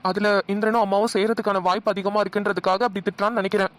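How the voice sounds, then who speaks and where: A performer voicing a sensible young husband in a cartoon, laying out his reasoning quickly. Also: medium pitch, little pitch movement, lightly acted. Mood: explaining. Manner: quick, explaining. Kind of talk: cartoon voice acting.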